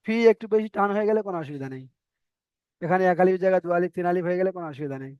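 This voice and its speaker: Man teaching quran reading, clear high voice, dry close sound. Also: expressive, no echo, highs cut off. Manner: spells out letters slowly, then repeats syllables with drawn-out stress. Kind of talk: step-by-step recitation lesson.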